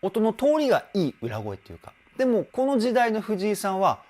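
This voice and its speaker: Lively, excitable male vocal coach. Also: high voice, brisk. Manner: excitable, chatty and self-deprecating; breaks into sung vocal demonstrations. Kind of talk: song reaction and vocal analysis.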